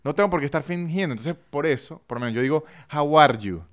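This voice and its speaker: A man's voice: on the high side, racing. A man with a Venezuelan Andean accent from San Cristóbal, hosting a solo podcast in a chatty, jokey, self-mocking way and talking straight to his listeners. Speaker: podcast host. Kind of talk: solo podcast monologue with read sponsor ads.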